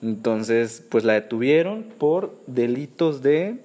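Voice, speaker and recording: A man's voice: mid-range voice, expressive, slow pace, mellow. A man with a Mexican accent hosting a casual pop-culture news chat in a sassy, campy, gossipy manner. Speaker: podcast host.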